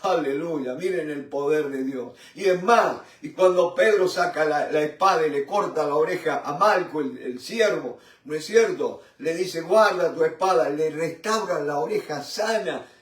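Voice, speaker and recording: Fervent male Bible teacher, high voice, halting restarts; echoey distant room recording. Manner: fervent, repeats "mi hermano" and "¿no es cierto?"; halting with restarts, swells and drops in loudness. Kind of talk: Bible study sermon. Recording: roomy echo from a distant mic.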